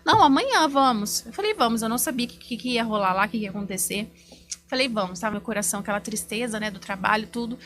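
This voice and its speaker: A woman giving a heartfelt, faith-filled testimony as an image consultant on a podcast. She tells her story in a lively way and acts out the dialogue she remembers. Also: medium pitch, very fast. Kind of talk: personal testimony in a podcast interview.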